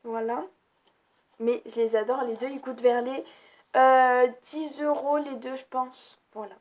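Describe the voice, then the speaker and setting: A woman's voice: sits high, little pitch movement, measured pace, a little mellow. A woman giving a casual makeup product review as a beauty vlogger, hesitant, with many fillers and jokey asides.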